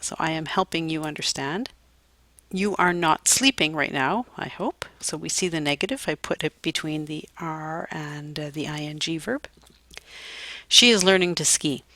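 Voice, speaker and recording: A woman teaching an English grammar lesson, explaining clearly and deliberately, with dry little jokes. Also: sits low, sharp tone, no room sound.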